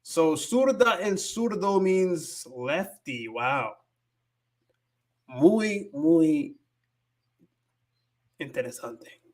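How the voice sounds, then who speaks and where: Animated yet a little mellow, a slow-talking US man with a slightly high voice hosts a livestream teaching Spanish. While chatting casually over viewer comments, he code-switches between Spanish and English, stumbling and searching for words.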